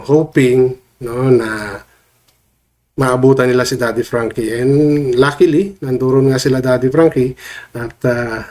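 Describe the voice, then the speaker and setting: A man with a head cold vlogs to camera about online drama, his mid-range, slightly mellow voice a bit off from the sniffles. His commentary is loose and chatty, and every few phrases he tags a line with a question to his viewers.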